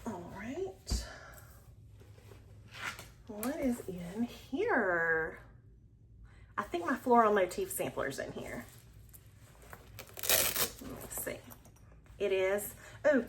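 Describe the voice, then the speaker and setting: Against a noisy background, a woman from Alabama, US, hosts a cross-stitch video and talks with enthusiasm about her projects in casual show-and-tell fashion, sometimes close to a whisper. Her medium-pitched voice is lively but extremely slow, with long pauses.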